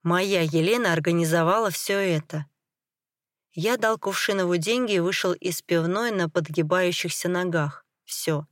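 A woman reading a dramatic first-person story in a measured, grave way. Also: lowish voice, no echo, studio quality.

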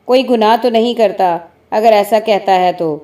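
A calm village landowner man speaks reassuringly in a mellow, even-pitched storybook voice, as a woman narrator reads him. He sounds helpful and steady. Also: close to an everyday voice.

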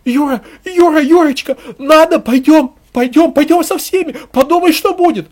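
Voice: sits high, normal speed, darkish tone, voice pushed up, natural voice. A reader voicing an anxious village wife pleading with her husband.

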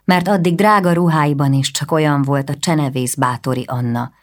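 A woman reading a historical novel aloud as an audiobook narrator, in a measured, even way. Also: deep voice. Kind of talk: scripted narration.

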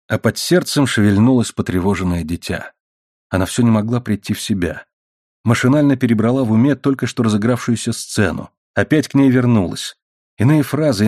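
A man narrating a novel as an audiobook, reading in a measured, steady way. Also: mid-range voice, dry recording, clean studio sound. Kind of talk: scripted narration.

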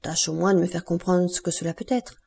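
A woman's voice: on the low side, level tone, brisk, vocal fry, darkish tone, breathy edge. Woman reading as a greedy scheming innkeeper. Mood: eager. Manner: eager, wheedling and envious.

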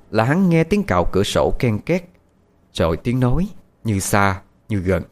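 A man narrating a ghost story as storyteller, dramatic and expressive. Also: on the low side.

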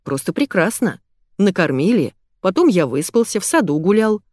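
A woman voicing a nervous male swindler posing as a hypnotist, with a trembling, hushed delivery. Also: medium pitch, very animated, normal speed, no room sound, clean studio sound. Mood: polite. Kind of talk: audiobook character voice.

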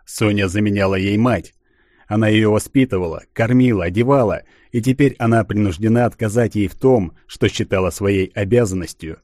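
A man reading a literary audiobook in a measured, even way. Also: fairly low pitch, no room sound, clean studio sound. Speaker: audiobook narrator.

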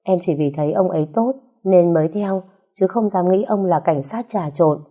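A woman's voice: fairly low pitch, moderate pace, mellow, natural voice. A woman reading aloud, voicing a loving young wife who speaks emotionally and pleadingly. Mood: tender.

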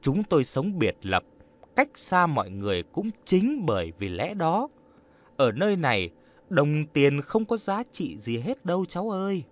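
A caring old grandmother of a remote village, as a male narrator reads her, fussing and gently scolding with lively rises and falls. Her talk swings in pitch as she coaxes and warns. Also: a little slow. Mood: earnest. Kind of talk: audiobook character reading.

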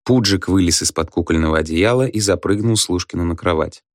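A man reading a novel aloud as an audiobook narrator, in an even, measured manner. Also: no room sound. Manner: dry, even, low reading.

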